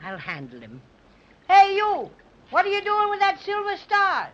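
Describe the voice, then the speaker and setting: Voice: high-pitched, sing-song, normal speed, fairly bright tone. A performer voicing a boastful, hot-tempered stuffed toy bear in a 1930s radio drama. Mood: blustering. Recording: dull lo-fi old radio recording.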